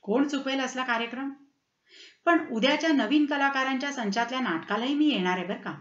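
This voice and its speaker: A woman's voice: high voice, brisk, close to an everyday voice. Woman doing a gushing, cultured lady. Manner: gushing, chatty. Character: lively cultured woman, fond of music and poetry. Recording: roomy, slightly dull lo-fi.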